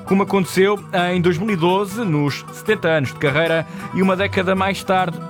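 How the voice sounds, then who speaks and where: A man with a European Portuguese accent reads a news report in a measured way. His voice sits a little high. Guitar music runs clearly behind him. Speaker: radio reporter.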